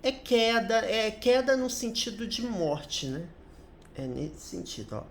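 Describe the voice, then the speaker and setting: A woman's voice: medium pitch, sing-song, measured pace, a little hiss or hum. A middle-aged woman with a Brazilian Portuguese accent teaching English through a commented reading, explaining each point and often ending with a tag question.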